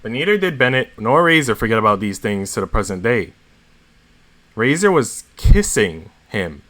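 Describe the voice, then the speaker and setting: A man's voice: mid-range voice, big pitch swings, moderate pace, fairly bright tone. A man reading a fan fiction story aloud as a narrator. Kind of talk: story reading with acted dialogue.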